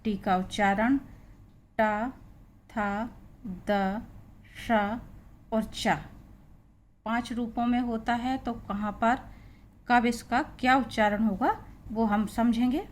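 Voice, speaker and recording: Slow, high-voiced Indian woman teaching. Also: steady tone. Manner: slow, spells out letters and repeats sounds. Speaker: English teacher. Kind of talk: classroom pronunciation lesson.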